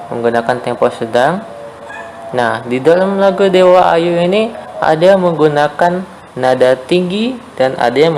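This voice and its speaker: Seorang guru pria memberi pelajaran musik daring untuk murid sekolah, dengan sabar mengulang poin penting dan sering bertanya "ya" atau "oke". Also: male voice, a little high, darkish tone, slight background noise, low-quality recording. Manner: patient, repeats key points, checks in with "ya" and "oke". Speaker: teacher. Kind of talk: online music lesson for schoolchildren.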